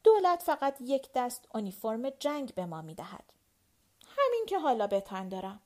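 A woman reading an audiobook, voicing a gentle, earnest young male general who speaks softly. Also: fairly high pitch, sing-song. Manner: soft, gentle.

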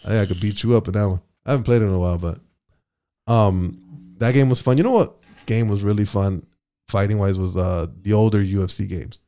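A man's voice: lowish voice, brisk, dark tone, clean tone. Man, casual chat, profane and slangy, restarts his phrases. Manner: profane, slangy, says "bro" a lot.

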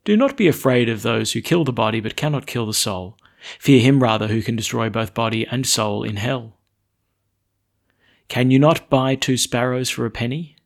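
A man's voice: medium pitch, vocal fry. A man speaking as a priest, giving a Gospel reading and homily.

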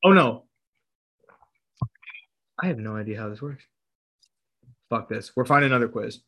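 A man's voice: medium pitch, expressive, normal speed, pushed and bright. Young male host, casual, reads quiz options aloud, laughs often. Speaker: podcast host reading quiz questions. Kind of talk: casual chat.

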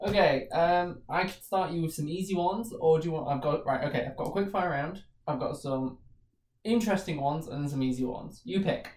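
Giggly podcast host in an echoey room. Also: male voice, fairly high pitch, a little fast, a little mellow. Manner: jokey, laughs often, swears. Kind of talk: casual chat. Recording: roomy, distant mic with faint noise.

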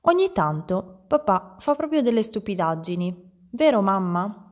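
Una donna che legge ad alta voce e fa una bambina furba che parla con calma. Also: female voice, mid-range voice, measured pace. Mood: sly. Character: calm clever little girl.

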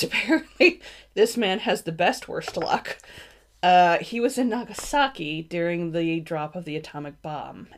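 A young woman hosting a history podcast, reading from a script with chatty asides and careful apologies when she stumbles on names. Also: on the low side. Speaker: podcast host.

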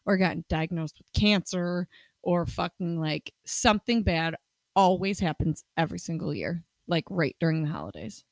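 A woman's voice: on the low side, lively intonation, normal speed, no room sound. A young woman co-hosting a podcast, ranting in casual chat with sarcasm and plenty of swearing. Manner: profane, sarcastic ranting with laughs. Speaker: podcast co-host.

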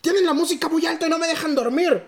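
A man's voice: very high-pitched, quick pace, voice pushed up. A man putting on a whiny grumpy neighbor. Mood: pleading, indignant. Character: grumpy middle-aged man demanding police.

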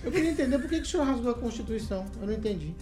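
Apresentador brasileiro de rádio, fala rápida. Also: male voice, very high-pitched, animated, over music. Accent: Brazilian. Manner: quick, teasing. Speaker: radio host. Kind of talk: radio talk show banter. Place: radio studio.

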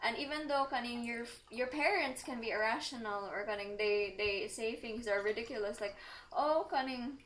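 A woman's voice: fairly high pitch, moderate pace, few pauses, a bit bright, rough recording. A woman with a Filipino accent in a casual group discussion, switching between languages as she talks. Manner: mixes English with Filipino languages. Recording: faint background noise.

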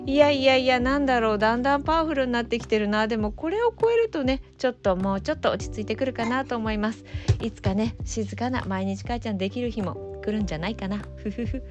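A high-voiced woman hosts a casual solo podcast as a mother, flustered and laughing while she pleads with her small child to let her talk. Music plays clearly in the background. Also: animated, fast talker, lo-fi sound.

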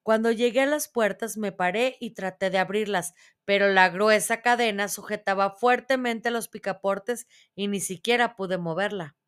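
Smooth-voiced woman reading a storybook aloud. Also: mid-range voice. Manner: dramatic, expressive reading voice. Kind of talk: first-person audiobook chapter reading.

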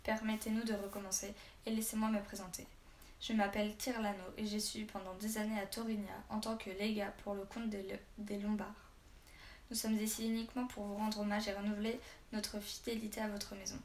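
A courteous, diplomatic old village elder, as a woman reads him, smoothing things over with polite phrasing. Roomy echo and a faint hiss surround the reading. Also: medium pitch, level tone, brisk, natural voice. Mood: conciliatory. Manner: courteous, conciliatory.

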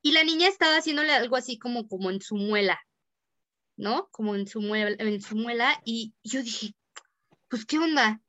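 Mexican woman, young adult, podcast co-host; bright, higher voice, lively storyteller who voices the quotes. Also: moderate pace. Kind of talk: casual chat, storytelling.

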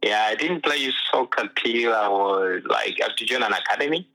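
A young professional soccer player from Uganda tells his story in a relaxed, casual interview, scattering "you know" throughout. His voice is fairly low and brisk, and it sounds like it's coming over a phone line.

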